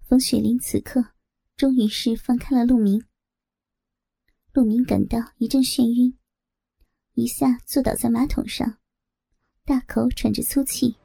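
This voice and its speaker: Husky gravelly woman narrating a story. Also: on the high side, fairly even intonation, a little slow, pauses often, mellow, no room sound, low-quality recording. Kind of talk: adult audio story narration.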